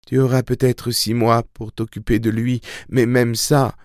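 Wary bitter young woman in labor, slightly higher voice, man reading her part. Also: little pitch movement, unhurried, no room sound, clean studio sound, close to an everyday voice. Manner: guarded, bitter, bargaining.

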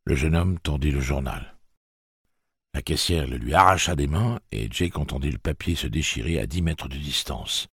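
A man narrating an audiobook in a measured, steady storytelling manner. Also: very deep voice, gravelly, slightly rough, no echo, studio quality.

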